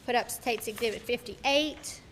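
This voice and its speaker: A woman, questioning a witness in a courtroom recording, speaking in a steady, methodical way with frequent ums. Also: on the high side, a little slow. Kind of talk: courtroom examination. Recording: courtroom recording with clear room noise.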